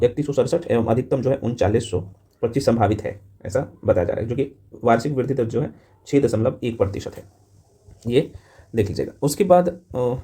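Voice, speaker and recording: Rapid-talking man giving an informal revision lecture. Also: medium pitch, mellow, slightly rough. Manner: rapid-fire delivery peppered with short check-in questions. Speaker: teacher of a current affairs exam class. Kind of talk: fast revision lecture to camera.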